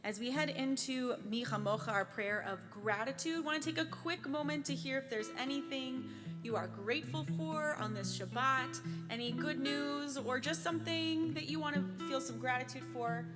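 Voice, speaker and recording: Over loud music, a woman leads a live prayer service in a synagogue sanctuary, offering warm, upbeat, encouraging chatter to the congregation through a handheld mic. Her voice sits high at a moderate pace, and a long hall reverb fills the recording.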